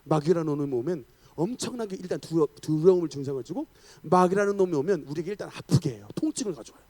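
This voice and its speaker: Male preacher, high voice, very animated, sermon storytelling, loud declarations. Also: fast talker. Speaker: pastor. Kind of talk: revival sermon.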